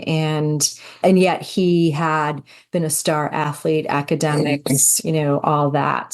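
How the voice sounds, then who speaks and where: A woman's voice: deep voice, darkish tone. A middle-aged woman co-hosting a podcast, telling her account in an earnest, storytelling way. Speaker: podcast co-host. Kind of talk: conversational podcast discussion.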